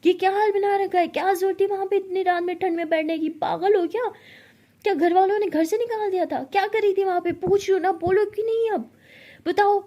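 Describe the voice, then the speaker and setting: An anxious young woman fires off worried questions and scolds her lover, as a woman storyteller voices her. Her voice sits high and sounds loud and strained. The tone stays soft and warm. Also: steady tone, creaky. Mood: scolding. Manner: pleading then scolding in rapid questions.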